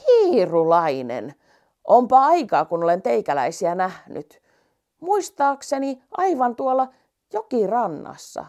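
A woman's voice: medium pitch, huge pitch swings, a little mellow. A woman voicing a friendly old circus giraffe who is a little proud of his tightrope walking. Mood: chatty.

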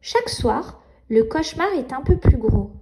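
A woman's voice: sits high, animated, moderate pace, mellow, rough recording. A woman narrating children's picture books as a storyteller, reading a scripted story aloud.

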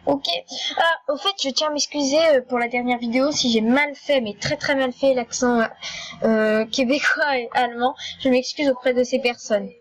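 A woman with a high voice chats her way through an online game, excitable and quick to repeat herself. Her casual commentary tumbles out with stammers and restarts. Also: rough recording. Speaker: gaming YouTuber.

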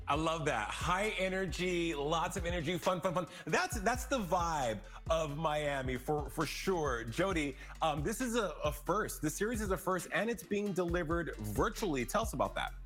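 Young male TV host, bright and animated, slightly high voice, video call from home. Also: soft background music. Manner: enthusiastic, drawn-out emphasis. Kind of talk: upbeat TV interview. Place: living room with sofa.

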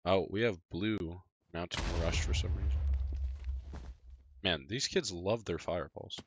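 A man with a low voice gives casual, excitable commentary while he plays a game live. He talks straight to his chat between moments of play. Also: unhurried, slight background noise. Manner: excitable, chatty, talking to chat while playing. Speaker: gaming live streamer.

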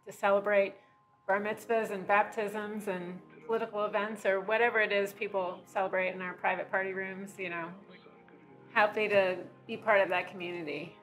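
A woman's voice: medium pitch, steady tone, moderate pace, fairly bright tone, rough recording. Chatty woman owner with faint music. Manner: friendly, chatty, laughs easily. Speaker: restaurant owner. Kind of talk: casual interview. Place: brick-walled restaurant booth, indoors. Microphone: lapel mic.

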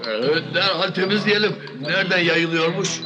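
An actor playing a fretful, money-minded older village cinema owner in a comedy film, protesting yet quick to give in. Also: male voice, high voice, a crowd in the background, natural voice.

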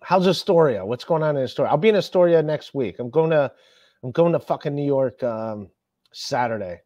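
A man's voice: fairly high pitch, lively intonation, darkish tone, no echo, highs cut off. A man hosting a casual podcast chat, swearing a lot and ranting when annoyed. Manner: profane, ranting, quick to anger. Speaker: comedian podcast host.

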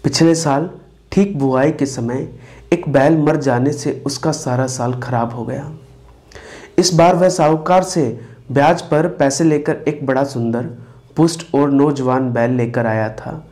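A man narrating a devotional moral story, speaking slowly and deliberately and briefly acting out the characters' lines. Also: medium pitch, warm tone. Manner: slow, deliberate storytelling with brief acted quotes. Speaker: spiritual storyteller.

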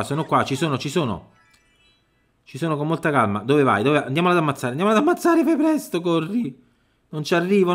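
A man giving excited live commentary over his own gameplay, swinging from loud urgent pleas to low mutters. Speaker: gaming YouTuber.

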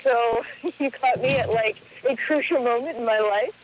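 Young woman from long island on a phone line, chatty, lots of ums, a bit higher voice. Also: normal speed, slight background noise. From Long Island, New York. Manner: chatty, self-mocking, many ums. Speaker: musician guest on phone. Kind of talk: casual phone interview.

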